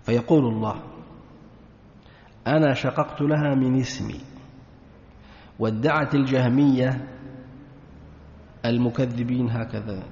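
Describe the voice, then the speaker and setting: A man teaching a religious lesson who reads narrator chains quickly, then slows down and rises for emphasis. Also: mid-range voice, steady tone, darkish tone. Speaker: Islamic teacher. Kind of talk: religious lesson reading and explaining a classical text. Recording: echoey hall, dull lo-fi sound.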